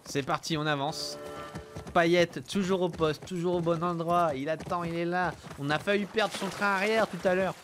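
Higher-pitched young Frenchman streaming a game. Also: moderate pace, soft background music. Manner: joking, excitable, slangy, jumpy when startled. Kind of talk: casual gameplay commentary. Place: indoor room at home. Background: game sounds.

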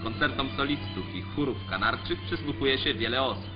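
A man's voice: medium pitch, fairly quick. A man giving formal, declamatory scripted commentary for an old 1940s newsreel. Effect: old 1940s newsreel sound. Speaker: newsreel narrator. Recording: dull lo-fi 1940s newsreel track. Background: music under the voice.

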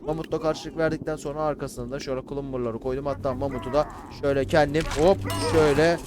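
A man giving casual, excitable commentary on a battle game, swearing and shouting at the units he controls. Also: a little high, fast talker, noisy background. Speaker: gaming YouTuber. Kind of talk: casual Let's Play commentary.

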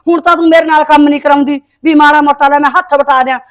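In a village short film, a woman scolds as a harsh, nagging middle-aged stepmother, speaking Punjabi with a Punjabi accent. Her voice sits high and stays steady in tone, fast and close to how she normally talks, with a sharp tongue throughout.

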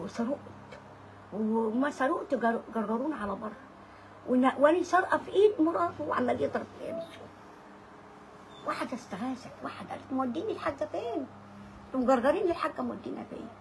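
An Egyptian woman in her sixties pleads her case in a high, rapid voice. She keeps repeating the same short phrases. A loud, noisy background runs under her. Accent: Egyptian Arabic. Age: 60s. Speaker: interviewee, widow. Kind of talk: emotional street interview.

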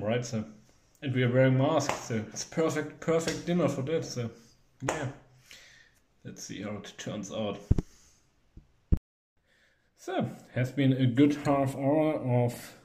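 A man's voice: mid-range voice, roomy sound, background noise. A young man, chatting casually and hesitantly while trying food in a home cooking video. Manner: rambling, hesitant, joking. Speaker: cooking vlogger. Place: home kitchen.

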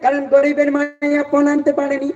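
A man folk singer teasing his opponent and the crowd in a live stage debate, breaking into slow sung verses. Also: very high-pitched, completely flat delivery, darkish tone, long reverb tail. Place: live stage before an audience. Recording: distant, dull live stage recording.

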